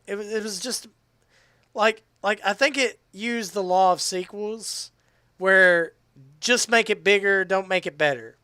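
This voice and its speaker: A man chatting casually on a game live stream, rambling with restarts and fillers, his voice tiring and going hoarse. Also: sits high, bright, forceful tone, no echo. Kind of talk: casual live-stream chat while gaming.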